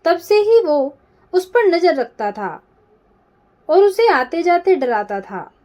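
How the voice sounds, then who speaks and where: A woman narrating a dramatic story in an expressive storytelling manner. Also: very high-pitched, slow.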